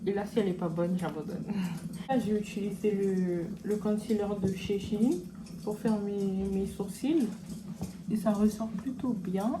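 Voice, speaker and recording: A young woman from French Guiana, a beauty vlogger chatting casually while doing her makeup, with relaxed slangy asides. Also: medium pitch, unhurried, background noise. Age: young adult.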